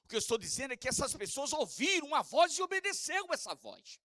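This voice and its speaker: A man preaching a sermon with a Brazilian Portuguese accent, moving between quiet asides and shouted, sing-song emphasis and calling out questions for the congregation to answer. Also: very high-pitched, very animated, quick pace, dry recording, studio quality. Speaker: apostle preaching.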